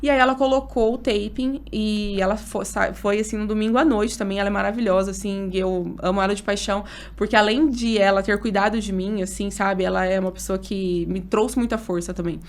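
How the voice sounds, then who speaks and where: In a laid-back interview, a thirty-something obstetrician tells her own story quite quickly and with few pauses. Her voice is medium in pitch, and her telling is animated, emotional, and full of filler words.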